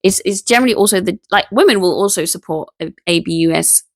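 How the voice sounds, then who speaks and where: A woman talking in a casual vlog, indignant and animated, spelling out sensitive words letter by letter and laughing in disbelief. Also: mid-range voice, quick pace, no room sound, studio quality. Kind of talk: casual spoken vlog monologue.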